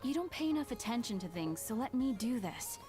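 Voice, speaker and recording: An actress voicing a calm, firm young woman who watches over her younger sister in a video game. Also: a little high, fairly quick, soft background music. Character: protective, level-headed young woman, older sister.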